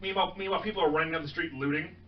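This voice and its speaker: A man running a tabletop role-playing game as game master, narrating in a halting way with many fillers and restarts. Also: on the high side, fairly even intonation, roomy sound. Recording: muffled, noisy, distant mic.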